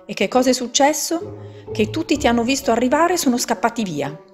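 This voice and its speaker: A woman's voice: on the high side, sing-song, fairly quick, faint music behind, pitched above the performer's own voice. A woman voicing a scolding smaller crocodile. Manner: scolding, contrary.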